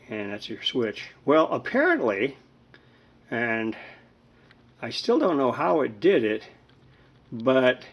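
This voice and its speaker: An amateur home repair host talks indoors in an easygoing, rambling, down-home way. His medium-pitched voice comes through on a muffled recording.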